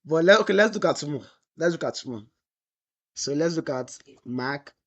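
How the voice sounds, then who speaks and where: A man's voice: fairly high pitch, lively intonation, normal speed, a bit bright, lo-fi sound. A man teaching web development in a screen-recorded tutorial. He asks the class "what?" and answers himself, and he drawls out the example text while he types. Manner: asks the class rhetorical "what?" questions, then answers them.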